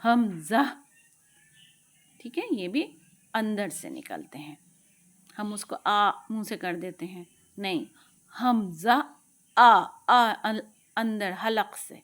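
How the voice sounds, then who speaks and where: A woman teaching Quran pronunciation, explaining patiently and slowly modelling each letter sound, sometimes dropping to a soft whisper. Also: mid-range voice, very animated. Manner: drops to a soft whisper at times. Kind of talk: tajweed lesson.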